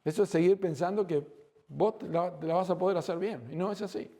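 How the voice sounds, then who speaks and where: A man's voice: high-pitched, brisk, mellow. A man from Argentina with a Rioplatense Spanish accent, preaching a sermon as pastor, acting out little dialogues and asking rhetorical questions. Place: church.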